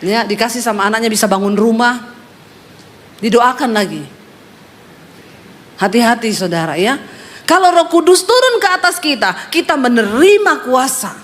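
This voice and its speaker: A woman's voice: a little high, moderate pace, long pauses. A woman pastor preaching a sermon, telling stories vividly and addressing her congregation directly and sternly. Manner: lively storytelling, acting out quoted voices.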